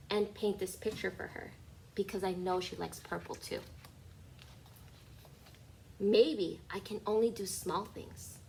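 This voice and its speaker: A woman kindergarten teacher on an online class call reads a picture book to young children, expressive and instructive, addressing them directly. Her medium-pitched voice is creaky, and the rough recording has slight background noise.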